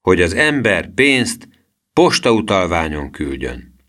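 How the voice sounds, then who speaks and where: A man's voice: low voice, sing-song, a bit bright. A man voicing a grumbling, dry-humored old grandmother in an audiobook reading.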